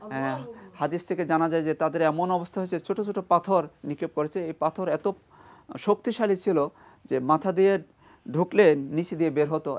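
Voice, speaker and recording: A man with a fairly high pitch gives a Quran reading lesson on TV, breaking down each letter and vowel mark so the group of children can repeat it back. Occasionally he draws out a slow recitation of the verse, recorded in a studio where the children chant along.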